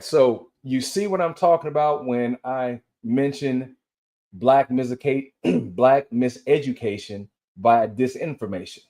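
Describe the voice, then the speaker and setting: A man's voice: mid-range voice, warm tone. A man giving casual commentary and reading aloud as a host, speaking with dental aligner braces in and sometimes stumbling over words and correcting himself. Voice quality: slightly impeded articulation from wearing dental aligners.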